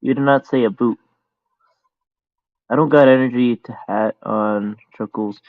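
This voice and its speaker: A man's voice: mid-range voice, fairly even intonation, measured pace, dry recording. An American man hosting a voice chat, talking in a laid-back, hesitant way. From United States. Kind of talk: casual chat. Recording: dull lo-fi sound.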